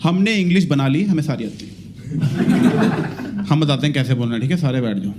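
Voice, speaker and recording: A man's voice: mid-range voice, lively intonation, brisk, very noisy, voice pushed down, lightly acted. A man voicing a smug British colonial man who lectures others in a condescending way.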